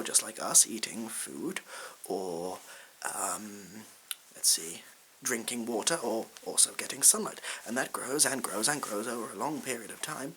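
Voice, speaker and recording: A man playing a bumbling, self-important supply science teacher in an ASMR role-play, hesitant and rambling, with deadpan asides. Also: medium pitch. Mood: patronising. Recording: hissy background noise.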